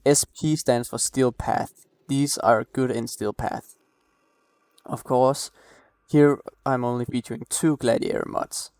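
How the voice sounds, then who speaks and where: A man's voice: mid-range voice, fairly even intonation, takes it slowly, creaky, a little mellow, dry recording. A man talking casually through a game build walkthrough late at night, rambling and apologetic, with a cough, recorded close on a desk mic. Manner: apologetic, rambling, many restarts. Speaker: gameplay guide creator.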